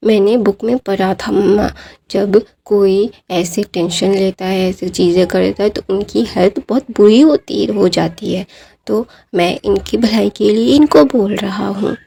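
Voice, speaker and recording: A woman's voice: mid-range voice, unhurried, gravelly, warm tone, husky. A woman voicing a talkative, blunt little boy in a retold storybook tale. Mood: earnest. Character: chatty cheeky little boy.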